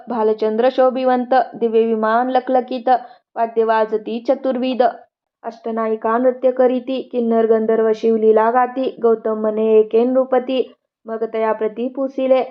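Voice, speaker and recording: A woman chanting devotional verses one by one in a steady, measured recitation. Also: on the high side, muffled recording. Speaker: devotional scripture reader.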